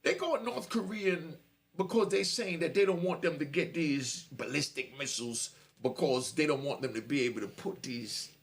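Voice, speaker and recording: In a direct-to-camera monologue, a former prisoner in his fifties tells his prison story and preaches warnings to the young. He speaks at a moderate pace with a fairly high pitch.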